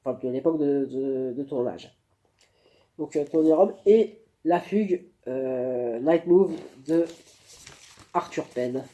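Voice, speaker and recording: A man's voice: mid-range voice, slow pace, warm tone. A man giving a spontaneous face-to-camera book review, hesitating often with fillers and restarts. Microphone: camera mic.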